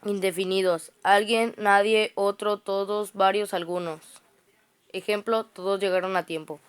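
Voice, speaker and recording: A woman reads her grammar notes aloud. She works through them in a plain, even, halting way, tripping over words and starting them again. Her voice is smooth and clear, at a middle pitch. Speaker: student reciting study notes.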